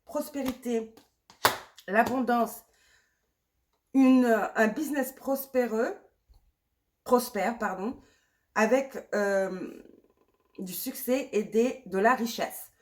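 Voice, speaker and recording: A woman's voice: on the high side, slow pace, long pauses, a little mellow. Woman with a cold reading tarot. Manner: reassuring, repeats herself, mixes in English words. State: has a cold and sore throat, coughing. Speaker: tarot reader. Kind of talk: pick-a-card tarot reading.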